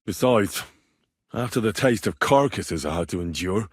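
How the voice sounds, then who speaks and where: This video game performance features a man with a lowish, expressive, slightly rough voice at a moderate pace, captured in studio quality with no echo. His character is a young, plain-spoken medieval adventurer, earnest and conversational, blunt and wry, and easily exasperated.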